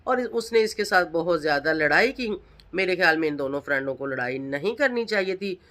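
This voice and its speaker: Emphatic woman vlogger, bright voice. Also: lowish voice, lively intonation, a little fast. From Pakistan. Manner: emphatic, accusing, rhetorical questions. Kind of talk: reaction vlog commentary.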